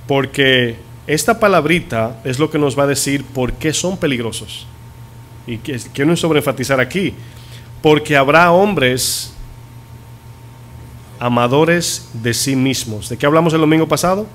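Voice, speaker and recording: A man who is a pastor preaching a sermon in a church, asking the congregation questions and drawing out key words slowly for emphasis. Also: medium pitch. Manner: teaching, asks the congregation questions.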